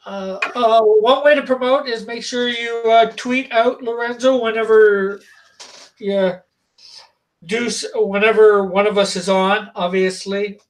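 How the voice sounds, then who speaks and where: A man hosts an informal livestream in a casual, conversational tone. His delivery is halting and unpolished, feeling its way from phrase to phrase. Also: sits high, fairly even intonation, recorded from a distance, a little hiss or hum, rough recording. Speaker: host of an online comics art auction.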